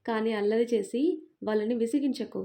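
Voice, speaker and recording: A middle-aged mother with a sharp, sarcastic tongue and a loving heart underneath, as a woman puts her on. Her voice is somewhat high but warm and mellow, and it scolds in a storybook telling. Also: fairly even intonation, a little fast, natural voice. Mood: scolding.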